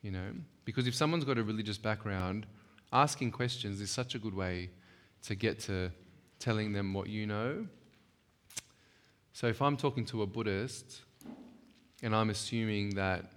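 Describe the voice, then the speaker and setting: This workshop speaker has a fairly low voice and a normal speed as he leads a session in a church hall. He is conversational and emphatic, with frequent audience check-ins, and long hall reverb surrounds him.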